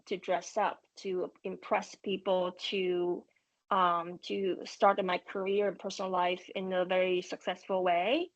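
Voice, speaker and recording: A middle-aged woman from Taiwan with a Taiwanese accent, a startup founder speaking as a guest in a fireside chat interview, halting, with many fillers and restarts. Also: mid-range voice, dry recording, highs cut off.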